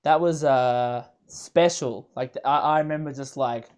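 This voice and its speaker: A young man, hosting a casual live chat, excitable and full of fillers. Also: mid-range voice, unhurried. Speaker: host.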